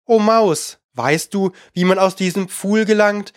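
A man's voice: high-pitched, unhurried, no echo, clean studio sound, voice pushed up. A man voicing a polite, curious young girl who talks eagerly and coaxingly.

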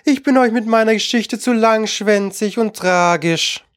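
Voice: medium pitch, measured pace, pitched above the performer's own voice, lightly acted. A reader voicing a small, touchy female mouse from a storybook, stern and indignant. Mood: plaintive.

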